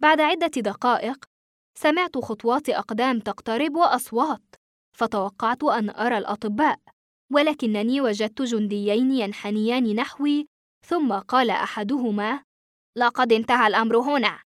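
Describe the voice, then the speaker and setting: High-voiced woman narrating an audiobook. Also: moderate pace, no echo, clean studio sound. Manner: steady, expressive storytelling. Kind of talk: first-person novel narration.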